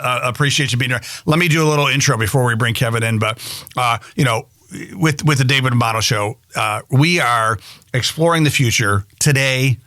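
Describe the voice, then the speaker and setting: A man's voice: mid-range voice, brisk, bright, forceful tone, no echo. A man hosting a show in a studio, introducing his guest in an upbeat way with stumbles and repeated words. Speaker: host.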